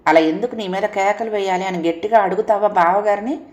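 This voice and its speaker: A woman's voice: mid-range voice, a little fast, a little mellow, reverberant, dull audio, lightly acted. A woman voicing a young wife in an audio story, curious and a little guarded.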